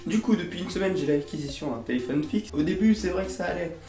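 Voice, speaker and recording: High-voiced yet dark in tone, this young man talks fast and animatedly as he hosts his YouTube video with a casual, comic rant to camera. He sounds exasperated and theatrical, swearing in slang as he goes. There's a roomy echo and music underneath.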